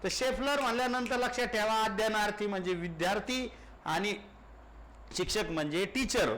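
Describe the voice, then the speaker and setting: High-voiced man giving an exam lecture. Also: fairly bright tone, a little hiss or hum. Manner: explains step by step, asks and answers his own questions. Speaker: teacher. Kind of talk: exam-prep lecture to students.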